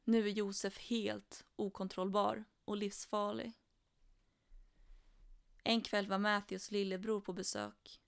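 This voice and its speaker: Flat, gravelly woman telling true crime. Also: mid-range voice, long pauses.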